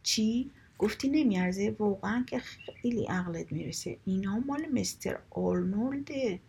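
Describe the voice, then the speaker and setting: A woman voicing a vain, jealous rich lady who speaks in a shrill, scornful tone. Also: lively intonation, vocal fry, darkish tone, slight background noise.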